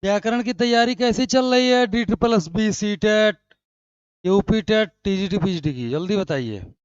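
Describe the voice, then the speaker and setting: Speaking at a moderate pace in a clean, high-pitched tone, a man walks his online grammar students through the material step by step, posing questions and then answering them himself. "Right?" comes up often as he checks in. There's no echo, and the sound is dry, dull and lo-fi.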